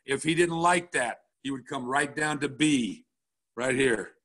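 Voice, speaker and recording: A man's voice: medium pitch, a little slow, fairly bright tone. A middle-aged man, a football coach, walking through game film at a coaching clinic in a blunt, casual way, checking in often with "all right?".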